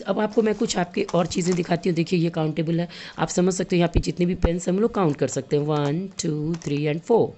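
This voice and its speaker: Woman teacher for young kids; patient, repetitive, warm low tone, terms her speech. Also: slight background noise. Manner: patient, repeats and counts aloud with objects. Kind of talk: classroom lesson for children.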